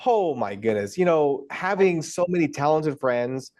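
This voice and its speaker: A man's voice: on the high side, very animated, a little slow, a little mellow. A man co-hosting a casual podcast, talking with enthusiastic, gushing praise. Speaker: podcast co-host.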